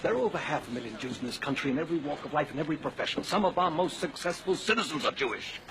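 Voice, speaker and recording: An actor playing a stern middle-aged newspaper publisher who lectures in a firm tone. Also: male voice, fairly high pitch, expressive, rapid-fire, a bit bright, a little hiss or hum. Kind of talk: film drama.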